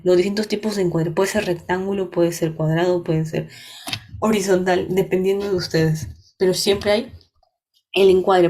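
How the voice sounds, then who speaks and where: A young adult woman with a Peruvian Spanish accent leads a workshop lecture in a warm, lowish voice. As the instructor, she explains step by step and frequently checks that her listeners are keeping up.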